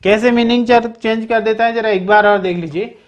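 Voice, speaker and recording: A patient classroom voice that walks through each rule step by step. The speaker stops again and again to ask whether the point is clear and to remind listeners to keep it in mind. Example sentences are spoken slowly and deliberately. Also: mid-range voice, fairly even intonation, highs cut off. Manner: checks understanding constantly with repeated "okay, keep in mind"; slows down to spell out example sentences. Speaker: teacher. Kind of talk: explaining a grammar lesson.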